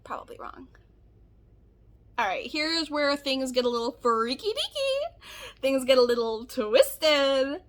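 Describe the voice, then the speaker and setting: Woman w a high, really animated voice, reading comments out in total disbelief, super sarcastic, casual vlog style. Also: unhurried. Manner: sarcastic, mock-earnest understatement. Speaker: vlogger reacting to online comments.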